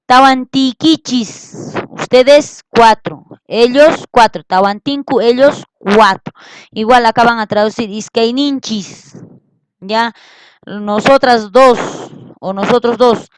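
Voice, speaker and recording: Woman teacher, slow and patient, higher voice, smooth and clear, dry close sound. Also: no echo, low-quality recording. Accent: Peruvian Spanish. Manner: slow, patient, repeats words and checks understanding. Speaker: Quechua language teacher. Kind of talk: classroom lesson.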